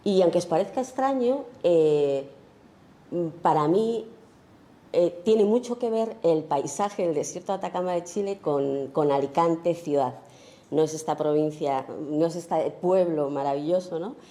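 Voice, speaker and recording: A woman from Spain speaks at a festival talk about her photography, feeling her way through each thought with frequent fillers and rhetorical tag questions. Her voice sits low and soft, with a dark, mellow tone. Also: a little slow. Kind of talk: informal lecture on her own work.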